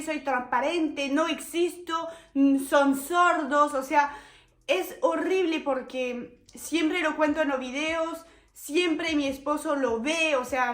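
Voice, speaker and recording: A woman's voice: high-pitched, a bit bright. A young woman from France with a French accent, chatting animatedly in a casual vlog and laughing often. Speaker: vlogger. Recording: echoey room.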